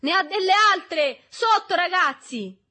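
A woman's voice: very high voice, expressive, unhurried, voice pushed up, heavily acted. Woman voicing a brutish mocking older boy. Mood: taunting. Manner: shouting, taunting. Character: brawny dull older teenage boy, brutal and mocking.

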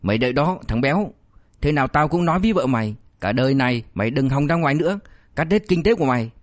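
A man voicing a hot-tempered male former cop who scolds and shouts angrily. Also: medium pitch, lively intonation, fast talker, no room sound, clean studio sound, natural voice. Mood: furious.

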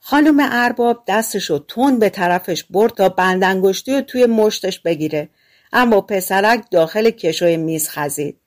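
Woman narrating a fairy tale. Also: medium pitch. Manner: lively, voices the characters' lines. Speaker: audiobook narrator. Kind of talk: storybook narration.

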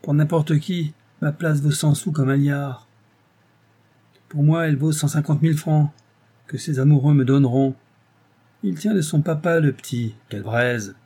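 A man's voice: on the high side, normal speed, warm tone, breathy edge, voice pushed up. A man voicing a gleeful, scheming lawyer who snickers and gloats, in an audiobook reading. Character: scheming gleeful middle-aged male lawyer, sneering.

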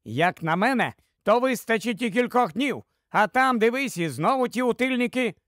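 A man reading an audiobook, voicing a sharp-tongued, nagging middle-aged wife with a shrill, scolding delivery. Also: expressive, moderate pace, no room sound, studio quality.

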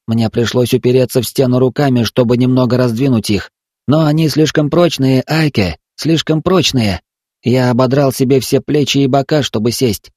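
A man's voice: mid-range voice, a little mellow, dry recording, clean studio sound, voice pushed up, lightly acted. A man voicing a terrified captive boy who begs for help in a frantic, pleading whisper. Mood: frightened. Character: terrified captive boy being fattened to be eaten.

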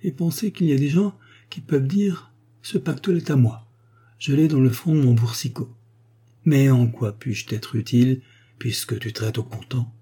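A man's voice: medium pitch, normal speed, dark tone, slightly rough. A man voicing a scheming former notary clerk turned fixer, jovial and fond of saying "mon bon". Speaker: character in an audiobook.

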